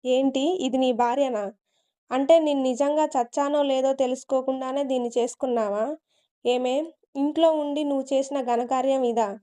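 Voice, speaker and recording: A woman's voice: sits high, fairly even intonation, moderate pace, warm tone, clear, resonant tone, natural voice. A woman reading the lines of a spiteful, scheming young wife in a storybook narration, taunting and scornful.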